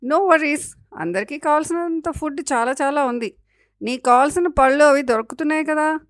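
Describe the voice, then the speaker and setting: A woman's voice: high-pitched, moderate pace, pitched above the performer's own voice, natural voice. A woman voicing the forest as a caring, motherly spirit in a storybook tale, explaining things patiently. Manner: explaining patiently, sometimes angry.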